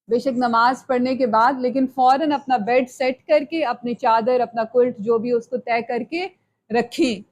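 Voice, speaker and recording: A woman's voice: high voice, darkish tone. A woman teaching a live lecture to young women in a conversational style, often checking in with her listeners and slipping English phrases into her talk. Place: lecture hall.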